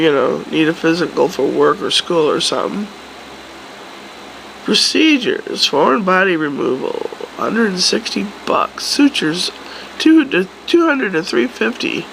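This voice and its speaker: A middle-aged woman vlogs casually through a bad cold, her swollen-throat voice congested and full of gravelly creak. She takes her time, rambling in a wry grumble, and her pitch jumps around a lot. A faint hum sits behind her. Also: very animated, measured pace, low-quality recording. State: sick with a cold, congested and hoarse. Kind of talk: casual vlog chat. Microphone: phone or camera at arm's length.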